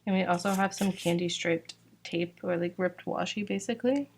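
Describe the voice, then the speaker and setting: A young woman from Georgia presents her sticker shop's new releases in a relaxed, chatty manner, filling in with "like" and "um." She speaks at a moderate pace in a lowish, slightly worn voice, and there's a little hiss or hum in the recording.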